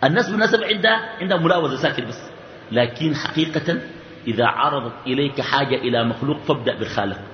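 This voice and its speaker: A man with a Sudanese Arabic accent giving a colloquial sermon, moving between slow emphatic lines and quick asides. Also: mid-range voice, lively intonation, slight background noise. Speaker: sheikh giving a religious lesson. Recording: echoey hall, dull lo-fi sound.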